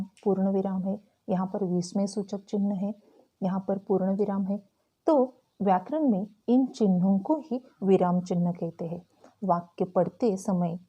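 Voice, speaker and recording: A woman teacher explaining a Hindi grammar lesson slowly and carefully to school students. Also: mid-range voice, warm tone, dull audio. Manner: slow, careful explaining with frequent "tो चलो".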